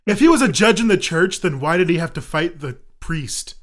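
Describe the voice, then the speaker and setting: A man's voice: a little high, lively intonation, normal speed. A man co-hosting a casual podcast chat, teasing and arguing his point with frequent laughs. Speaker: podcast co-host.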